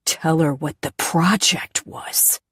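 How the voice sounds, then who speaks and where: A woman voicing a calm, menacing male captor who mocks his prisoners. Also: low voice, slow, husky, no echo, in a whisper, clean studio sound, full character voice.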